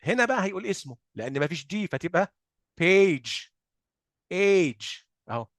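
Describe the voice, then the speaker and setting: An Egyptian-accented man gives a phonics lesson in a slightly raised voice, asking questions and answering them himself. He stretches example sounds out slowly to demonstrate them. The recording is dry and close, with no room sound. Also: sits high, very animated, fairly bright tone, dry recording. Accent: Egyptian Arabic. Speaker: phonics teacher. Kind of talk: explanatory lesson.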